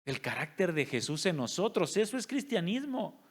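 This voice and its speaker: Emphatic pastor preaching. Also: male voice, high voice, big pitch swings, moderate pace. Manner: emphatic preaching with rhetorical questions to the congregation. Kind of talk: sermon. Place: church service.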